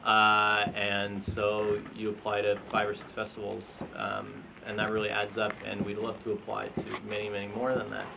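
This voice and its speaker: Gravelly young man joking at a Q&A. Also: lowish voice, completely flat delivery, moderate pace, few pauses, noisy background. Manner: jokey, easygoing. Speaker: filmmaker at a screening Q&A. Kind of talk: casual Q&A chat. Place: screening room with an audience.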